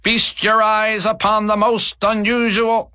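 A man narrating voices a carnival sideshow barker, with showy, booming sales patter that sounds tinny, as through a megaphone. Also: level tone, slow pace, pushed and bright, no echo, exaggerated voice. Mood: dramatic.

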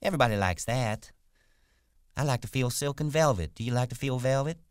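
Man putting on a vain, high-pitched young woman. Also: a little fast, clear, resonant tone, no room sound, clean studio sound, natural voice. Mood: amused, friendly. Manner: casual, chatty rustic talk.

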